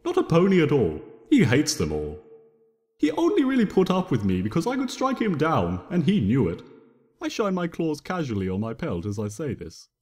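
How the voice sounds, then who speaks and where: A man's voice: on the high side, huge pitch swings, normal speed, darkish tone. A man reading a story dramatically in the first person, in a playful, theatrical trickster manner. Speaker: fan fiction reader and narrator. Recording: reverberant room with long echo.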